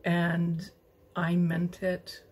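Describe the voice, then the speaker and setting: A middle-aged woman from western Canada telling her personal story in a slow, halting, emotional way, with many pauses and restarts. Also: fairly low pitch, completely flat delivery, a little mellow, slightly rough. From British Columbia, Canada. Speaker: interviewee. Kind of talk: personal testimony.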